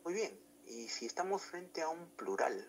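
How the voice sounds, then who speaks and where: A man's voice: fairly high pitch, big pitch swings, unhurried, a little hiss or hum, rough recording. A man teaching an English grammar lesson, explaining step by step and often checking that students follow.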